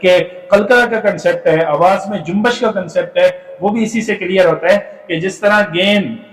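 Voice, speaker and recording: A man teaching a tajweed lesson from slides, explaining patiently with filler pauses and sounding out demonstration syllables. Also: high-pitched, reverberant, distant mic, low-quality recording. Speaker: Quran recitation teacher.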